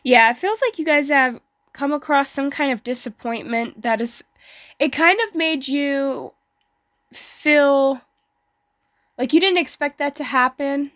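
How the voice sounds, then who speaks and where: Woman, sick with flu, higher-pitched voice, dry close sound, casual tarot reader, hesitant phrasing. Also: measured pace, fairly bright tone, no echo. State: sick, as with flu, voice may give out. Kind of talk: casual tarot reading to online viewers.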